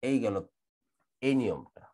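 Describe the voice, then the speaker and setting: A man from Bangladesh with a Bangladeshi accent teaching English grammar in an online class, explaining rules slowly and repeating and spelling out words. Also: medium pitch, expressive, mellow. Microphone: computer mic in an online class.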